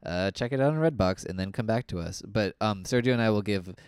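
Low-pitched man, clear and dry. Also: brisk, a little mellow, dry recording. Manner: wry, joking. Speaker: podcast co-host. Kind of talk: casual review chat.

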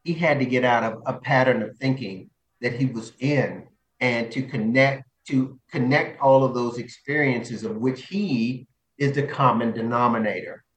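A man coaching and co-hosting, telling stories in a casual chat, animated and laughing often. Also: mid-range voice, normal speed, reverberant, recorded from a distance. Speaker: coach and podcast co-host.

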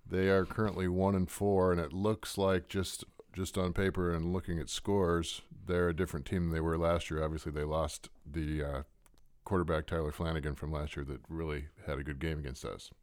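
A man's voice: deep voice, level tone, a little fast, darkish tone, clean tone. A man hosting a casual sports interview, asking chatty, jokey questions. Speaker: interview host.

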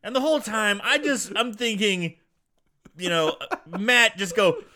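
A man with a high, bright voice gives casual comic commentary as a podcast co-host. He is animated and blunt, with lively swings and sound words. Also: measured pace.

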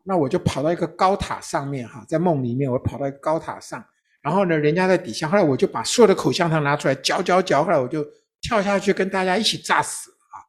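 Husky-voiced male pastor telling a story. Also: fairly high pitch, fast. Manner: storytelling, with frequent soft tag particles. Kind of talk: personal testimony in an interview.

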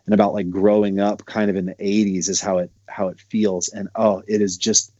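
A man in his thirties from Montana, a bass player talking loosely with lots of fillers. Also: level tone, brisk, dark tone, no echo, lo-fi sound. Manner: loose, rambling storytelling with many fillers. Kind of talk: casual conversation.

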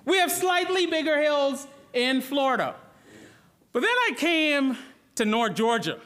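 Bright high-voiced man preaching a sermon. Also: sing-song, measured pace. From Bahamas. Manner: earnest, repeats and restarts words, asks the listeners questions. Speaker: pastor.

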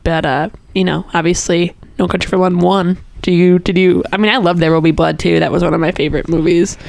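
A man co-hosting a podcast, chatting casually about movies and snacks in a relaxed, teasing way. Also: high-pitched, brisk, vocal fry. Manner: relaxed, teasing, many fillers. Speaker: podcast co-host.

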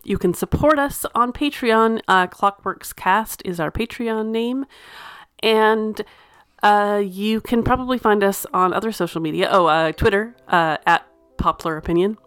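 A woman's voice: mid-range voice, measured pace, fairly bright tone, clear, resonant tone, no room sound, studio quality. A woman co-hosting a podcast in casual chat, enthusiastic and full of fillers. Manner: chatty and enthusiastic, many fillers. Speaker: podcast co-host.

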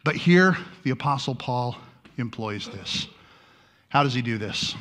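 A man's voice: medium pitch, animated, unhurried, a bit bright. A man preaching a teaching sermon in a conversational way, often restarting his sentences and adding wry asides to the congregation. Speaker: pastor.

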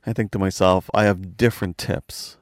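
A man's voice: sits low, moderate pace. A man co-hosting a travel vlog, chatting and joking with friends in a car. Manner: joking, teasing, lively. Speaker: vlog co-host. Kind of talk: casual chat.

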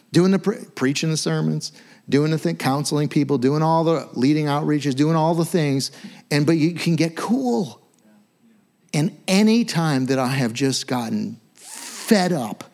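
A man's voice: fairly high pitch, a little mellow. A middle-aged man preaching a sermon as a pastor, fervent and exhorting, in an informal, conversational way with repeated phrases for emphasis.

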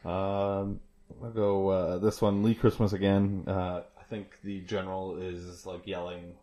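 A man with a very low voice co-hosting a laid-back movie podcast. He talks in an easygoing way, laughs along with his partner and moves the show from one segment to the next. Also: level tone, measured pace, dark tone. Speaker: podcast co-host. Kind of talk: casual movie review chat.

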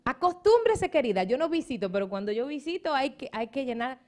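A woman's voice: high voice, fairly quick. A middle-aged woman pastor, preaching and telling stories with emphasis and dropping in English words. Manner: animated storytelling, emphatic, slips into English words. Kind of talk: sermon.

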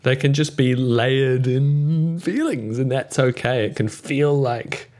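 A man hosting a podcast, speaking thoughtfully and gently in reflective conversation. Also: mid-range voice, takes it slowly. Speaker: podcast host.

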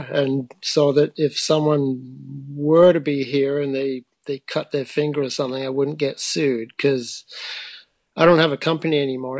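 A middle-aged man who teaches frame building talks thoughtfully about his work in a conversational interview, often restarting hesitantly. His voice sits at a medium pitch and the recording is dry.

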